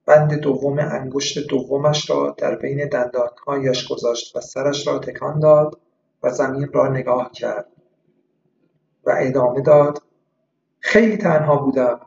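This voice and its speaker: Man, storyteller, measured reflective reading, gravelly, echoey dull recording. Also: medium pitch, flat delivery, a little mellow, recorded from a distance, slight background noise. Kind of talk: scripted narration.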